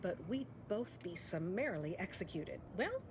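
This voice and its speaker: An actress playing a prim, sardonic scientist in a video game, speaking with dry precision. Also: female voice, mid-range voice, big pitch swings, moderate pace, heavy background noise, close to an everyday voice. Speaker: game character.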